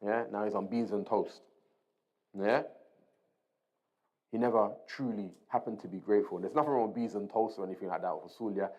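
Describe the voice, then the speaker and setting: In a low-quality recording, a religious teacher reads and explains a book during an informal Islamic lesson. His fairly low voice is steady, a little fast, and slightly mellow, with frequent pauses. He goes point by point in a conversational style, repeats key phrases, and asks short tag questions to check in.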